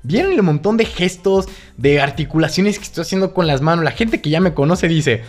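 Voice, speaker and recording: A man's voice: on the high side, expressive, a little fast, faint music behind. A man with a Mexican Spanish accent hosting a podcast, coaching on sales in a casual, joking, chummy monologue.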